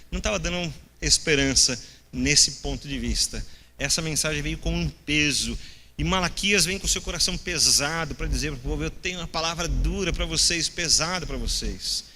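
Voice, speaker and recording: A man's voice: fairly high pitch, a little fast, bright, forceful tone, slight background noise. A Brazilian man teaching a church Bible class, addressing the listeners as brothers and acting out the people's questions in a mocking tone. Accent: Brazilian Portuguese. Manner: talks straight to the class as brothers. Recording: long hall reverb.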